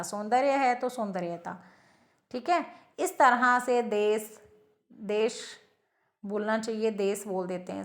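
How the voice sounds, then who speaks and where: A woman teacher giving a lecture, who explains slowly, repeats each example word and asks her class questions. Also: fairly high pitch.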